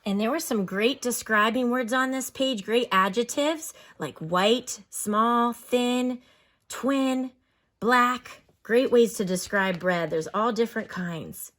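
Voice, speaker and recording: Reading a children's picture book to her class, a woman teacher speaks slowly in a fairly bright voice on the high side. She reads expressively, breaking off to define words and put questions to the listeners.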